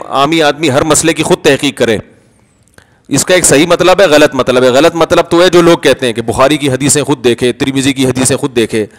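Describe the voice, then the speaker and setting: A man giving a Friday sermon, answering questions in an explanatory, conversational way and arguing with everyday examples. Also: medium pitch. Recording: long reverb of a large hall.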